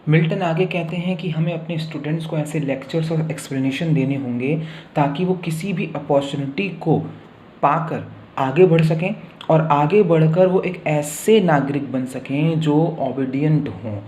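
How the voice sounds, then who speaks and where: A man's voice: a little high, moderate pace, darkish tone. A man teaching a literature lesson, explaining step by step and often checking in with "okay". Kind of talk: spoken literature lecture. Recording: echoey room with faint hiss.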